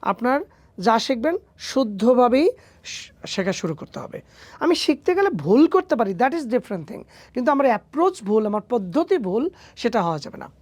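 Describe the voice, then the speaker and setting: A man's voice: very high voice, big pitch swings, normal speed, a little mellow, dry recording. A man, a phonetics teacher answering interview questions emphatically with rhetorical questions. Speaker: English phonetics teacher, guest.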